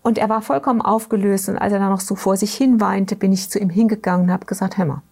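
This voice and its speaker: A woman's voice: mid-range voice, fairly even intonation, quick pace, a little mellow. A middle-aged woman, a therapy practitioner, explaining her ideas through stories in an interview. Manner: explains with anecdotes, asks listener questions. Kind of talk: conversational storytelling in an interview.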